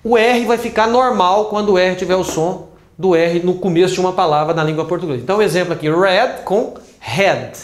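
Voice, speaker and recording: A Brazilian man teaching English pronunciation, drawing out each sound slowly as he demonstrates it. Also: sits high, steady tone, roomy sound. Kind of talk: explanatory lesson.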